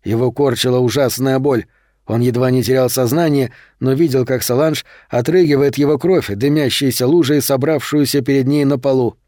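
A man narrating a horror novel as an audiobook, in a steady, measured reading. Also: medium pitch, no room sound, clean studio sound.

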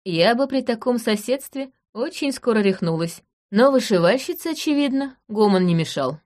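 A woman reading an audiobook in the first person, in a brisk, dry and commanding manner. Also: a little high, animated, a little mellow. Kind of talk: audiobook narration.

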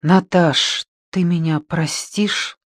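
A troubled young man speaks hesitantly and remorsefully, as a male reader gives him a voice. The delivery is slow and subdued, recorded dry and close. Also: a little high, steady tone, no echo.

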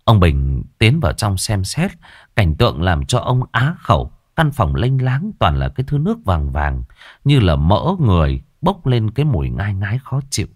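A man narrates a village horror story, his low voice moving expressively through the lines. The recording is dry and close, with no room sound. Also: very animated, normal speed, no echo.

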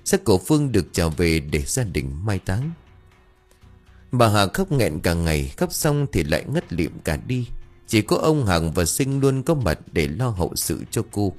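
A male storyteller narrates a dark folk tale with dramatic expression. His voice is fairly low but rises and falls a great deal, and faint music plays beneath it. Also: sing-song, normal speed.

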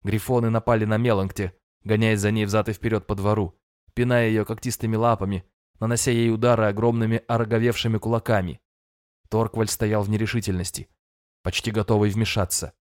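Low dry male audiobook narrator. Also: little pitch movement, a little fast, darkish tone, smooth, dry recording. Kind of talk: scripted fantasy narration.

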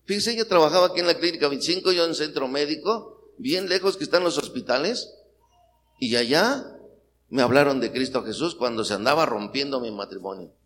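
In a church hall full of long reverb and faint noise, a middle-aged man from Mexico preaches in a Mexican Spanish accent, firing questions to rouse the congregation. His voice is fairly high, animated, a bit bright, and a little fast.

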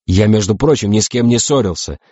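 A man doing an indignant, excitable captain. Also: fairly low pitch, brisk, husky, no echo, lo-fi sound, pitched above the performer's own voice. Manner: quarrelsome, exasperated, raised voice.

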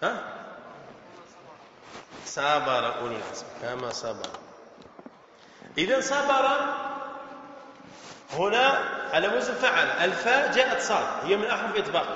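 A man's voice: high voice, very animated, normal speed, pauses often, sharp tone, a little hiss or hum. A man teaching Arabic morphology to a class, repeating each point, spelling out letters and quizzing his students. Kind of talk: classroom lesson explaining verse. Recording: echoey hall, dull lo-fi.

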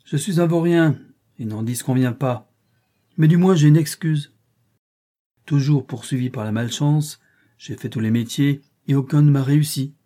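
A man's voice: mid-range voice, moderate pace, mellow, natural voice. A man reading as a mocking bandit captain. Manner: ironic, mocking. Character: cynical male bandit captain, mocking and bold. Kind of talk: audiobook reading.

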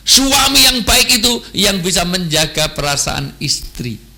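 A man preaching a humorous Islamic sermon to a live audience, teasing the listeners and swinging between loud calls and hushed asides. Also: high voice, sing-song, a little slow, gravelly.

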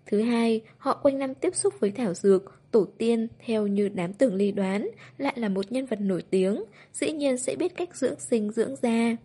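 Audiobook narrator, female, mellow and a bit breathy, steady novel reading. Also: fairly high pitch, normal speed.

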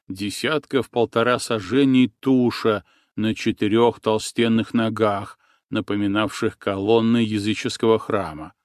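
A male audiobook narrator reads scripted text at a slow, measured pace in a mid-range voice. The recording is dry, with clean studio sound.

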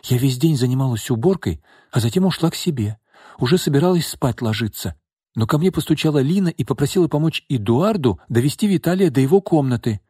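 A tearful young maid pleading her innocence in a high, strained voice, as a male narrator puts her on. The delivery is shrill and frantic, with a husky edge, in an audiobook reading on a dry, close mic. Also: lively intonation, fairly quick, mellow, no echo.

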